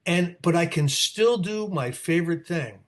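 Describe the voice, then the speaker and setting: A man's voice: fairly high pitch, expressive, measured pace. Rambling older New man. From New Jersey. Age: 60s. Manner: goes off on tangents, repeats words. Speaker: guest speaker at a recovery meeting. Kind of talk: candid rambling talk answering questions. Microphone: video call.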